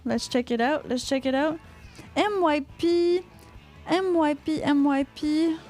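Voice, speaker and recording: High-voiced Québécois woman podcast host. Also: a little slow, darkish tone, soft background music. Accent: Québécois French. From Quebec, Canada. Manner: chatty, repeats words while reading comments. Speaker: podcast host reading live chat. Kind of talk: casual livestream chat.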